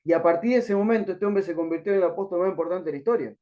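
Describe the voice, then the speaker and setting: A man's voice: sits high, racing, mellow, muffled recording. A man teaching a Bible class at a missionary school, asking rhetorical questions and restarting sentences as he searches for words.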